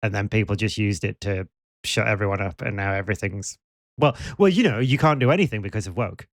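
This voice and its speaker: Man, podcast co-host, low voice, dry wit, sarcastic and self-mocking. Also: fairly quick, dry recording. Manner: wry, self-deprecating, sarcastic. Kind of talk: casual chat.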